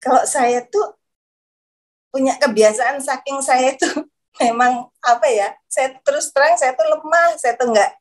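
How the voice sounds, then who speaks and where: Woman, high voice, hesitant emotional storyteller, for a personal testimony read. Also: measured pace. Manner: hesitant, repeats herself, searches for words; emotional, voice rises when moved. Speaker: guest giving a conversion testimony.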